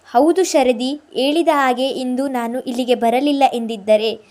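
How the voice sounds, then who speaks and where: A woman storyteller voicing a young man who gently comforts the woman he loves. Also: high-pitched, steady tone, measured pace. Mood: tender, worried. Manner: gentle, worried, soothing.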